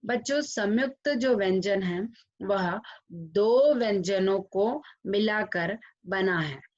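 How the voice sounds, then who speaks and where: A woman teacher giving a recorded lesson to children, drawing sounds out slowly and mixing English words into her speech. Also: medium pitch, a little mellow, muffled recording. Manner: slow, drawn-out pronunciation of sounds for children; mixes English words into Hindi. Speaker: school teacher.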